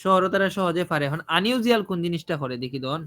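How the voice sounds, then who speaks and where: Guy, high voice, runs an ielts listening class online, keeps quizzing the students. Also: expressive, fast talker, bright, forceful tone. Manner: questioning, repeats points to students. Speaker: IELTS teacher.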